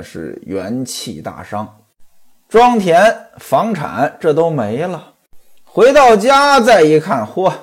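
Chatty traditional storyteller who talks straight to the audience, with an animated, husky voice. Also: mid-range voice. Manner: chatty, addresses listeners directly.

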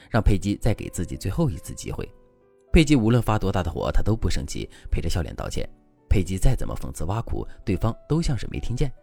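A man's voice: low-pitched, vocal fry. A man hosting a relationship advice program, narrating a listener's story in a scripted, dramatic manner. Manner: dramatic, lively storytelling, advising tone. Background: soft background music.

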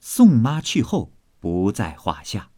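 A man narrating a classical novel aloud in an animated, expressive storytelling manner on a close mic. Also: fairly low pitch, slow pace, no echo.

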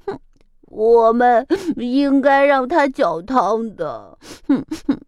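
A woman voicing a small, excitable squirrel in a children's storybook, squeaky and chattering. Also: very fast, no room sound, studio quality, natural voice. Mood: sniffling.

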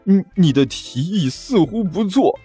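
A man's voice: high voice, lively intonation, a little slow, warm tone, breathy edge, faint music behind, pitched above the performer's own voice, heavily acted. A man doing a whiny sly thug boss. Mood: wheedling. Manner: wheedling, whiny. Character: sly cowardly male thug leader.

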